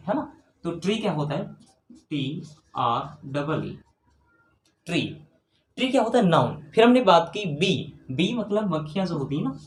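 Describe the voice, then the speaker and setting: A grammar teacher giving an exam-prep lecture, spelling out words letter by letter and often checking in with the class. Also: medium pitch. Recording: roomy room with faint background noise.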